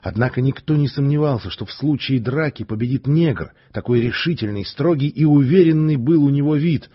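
A man narrating a story in an expressive, deliberate way, on a dull lo-fi recording. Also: medium pitch, slightly rough. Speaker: audiobook narrator. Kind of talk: scripted narration.

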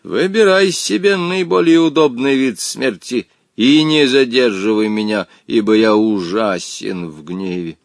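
A man's voice: mid-range voice, measured pace, hardly any pauses, no echo, studio quality, close to an everyday voice. A man voicing a pompous, wrathful old male genie in an audiobook, speaking in archaic, threatening phrases. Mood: stern. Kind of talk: audiobook character voice.

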